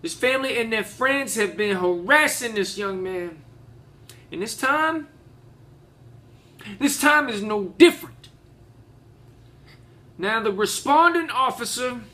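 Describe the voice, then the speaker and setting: A male actor performs a Southern courtroom lawyer with a honeyed, theatrical drawl. The voice sits strikingly high for a man and has a bright, forceful edge. Phrases get deliberately repeated to press the case on judge and jury. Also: heavily acted. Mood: indignant. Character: folksy, impassioned Southern male defense lawyer addressing a jury. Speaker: auditioning actor. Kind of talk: audition monologue, courtroom speech.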